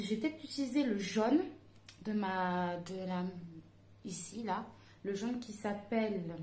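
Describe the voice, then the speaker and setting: A woman talks her viewers through her makeup in a loose, chatty way, hesitating often and filling pauses. Her voice sits at a middle pitch. The recording has a noticeable room echo. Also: mellow. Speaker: beauty vlogger. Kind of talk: casual makeup tutorial chat. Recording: echoey room.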